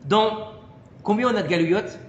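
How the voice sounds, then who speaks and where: A man giving an informal Torah lesson to a small group, animated and peppering his listeners with questions. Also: sits high, moderate pace, highs cut off. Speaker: Torah teacher. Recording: echoey room with long reverb and faint noise.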